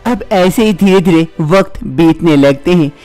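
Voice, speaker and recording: A woman's voice: fairly low pitch, a little slow, dark tone. A woman narrating a cartoon story in a plain storyteller's way, with music behind her.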